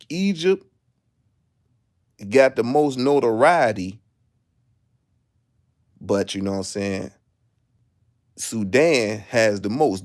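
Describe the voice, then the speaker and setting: Chicago-accented man, livestream host; boastful, profane street talk, mid-pitched, casual rant. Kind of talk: casual live commentary.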